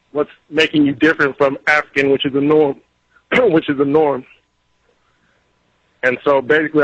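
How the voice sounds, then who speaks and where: A man as co-host in a casual radio discussion, talking haltingly with many fillers. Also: fairly high pitch, bright, forceful tone, no room sound. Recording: dull lo-fi radio audio.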